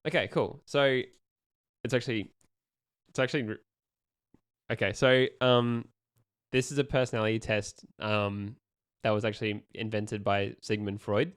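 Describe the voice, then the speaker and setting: Smooth low-voiced guy. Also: level tone, moderate pace, long pauses, no room sound, studio quality. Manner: rambling, many ums and restarts. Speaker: podcast co-host asking questions. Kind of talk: casual chat.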